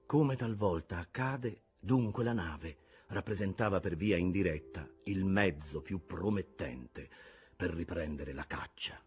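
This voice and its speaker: A man narrating a novel as an expressive, measured dramatic reading. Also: low voice. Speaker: audiobook narrator.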